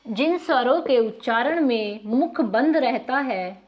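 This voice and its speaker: A woman teacher giving a slow, dictation-style lesson, repeating each word for note-taking and asking her pupils questions. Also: a little high, expressive. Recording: muffled lo-fi recording.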